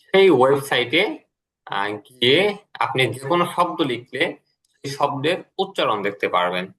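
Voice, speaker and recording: A man teaching an English lesson to a student, patient and explanatory, repeating key words slowly. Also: mid-range voice, big pitch swings, fairly bright tone.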